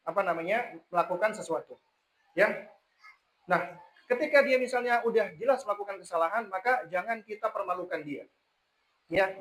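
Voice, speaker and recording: A man with an Indonesian accent giving a religious parenting lecture to a congregation, animated, acting out parents and children. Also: high-pitched, poor audio. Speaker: Islamic preacher. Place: mosque gathering.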